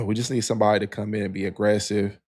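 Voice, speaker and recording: A man co-hosting a casual sports podcast, relaxed and rambling, with frequent "you know" and restarts. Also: fairly low pitch, quick pace, dry recording, clean studio sound. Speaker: podcast co-host.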